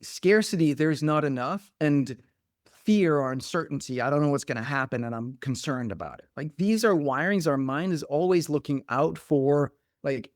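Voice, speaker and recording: A middle-aged Danish man, a coach appearing as a podcast guest, talks in a conversational interview, reflective and animated and full of "like" fillers. His voice sits on the high side, and the studio recording is clean with no echo.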